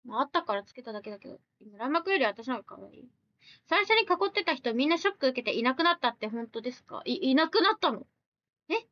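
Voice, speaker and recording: A woman live streamer with a high-pitched voice and big pitch swings chats casually on a lo-fi recording. She reads viewer comments aloud and fires back blunt, teasing retorts mixed with quick questions.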